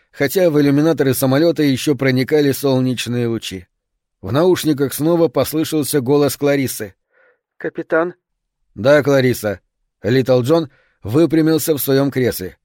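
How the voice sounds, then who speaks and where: A man reading a novel aloud as an audiobook, with even, measured storytelling. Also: mid-range voice, no echo, studio quality. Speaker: narrator. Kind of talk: audiobook narration.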